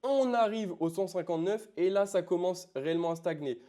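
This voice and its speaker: A man's voice: high voice, brisk, warm tone. A man casually explaining a trading strategy to the viewer. He talks informally and often fills his sentences with small filler phrases. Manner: informal, addresses viewer as "tu", many fillers like "du coup"; explains while pointing at charts. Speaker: forex trading educator.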